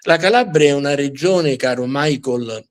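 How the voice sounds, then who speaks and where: A man hosting a live history show in unscripted talk, often pausing and repeating words as he searches for the right phrasing. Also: on the high side.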